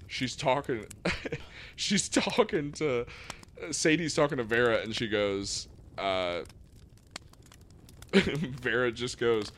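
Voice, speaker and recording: A man's voice: medium pitch, lively intonation, takes it slowly, pauses often, a bit bright. A man co-hosting a podcast, casually recapping a film plot in a laid-back way. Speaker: podcast co-host. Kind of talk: casual film review chat.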